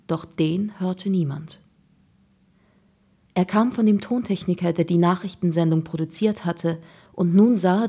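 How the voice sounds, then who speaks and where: Husky-voiced woman narrating a story. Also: lowish voice, mellow. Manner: suspenseful storytelling. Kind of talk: scripted audiobook narration.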